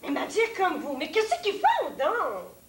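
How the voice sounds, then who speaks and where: A woman's voice: sits high, wildly swooping pitch, unhurried, noisy background, heavily acted. A woman with a Québécois accent acting on stage as a mocking, bossy neighbour who comments on everyone. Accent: Québécois French. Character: sharp-tongued gossiping woman neighbour. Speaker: stage actor. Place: theatre stage. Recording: echoey stage audio.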